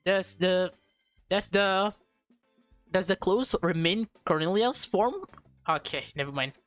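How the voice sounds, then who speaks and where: Over background music, a woman with a fairly low voice and slow pace hosts a gaming video. She gives informal, playful commentary, reacting as she goes, and reads dialogue aloud with small stumbles.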